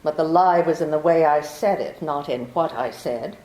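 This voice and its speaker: A woman's voice: low voice, moderate pace, dark tone, lightly acted. A woman playing a scheming young woman who pleads melodramatically for protection, in 1940s radio drama style, in a roomy recording. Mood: guarded.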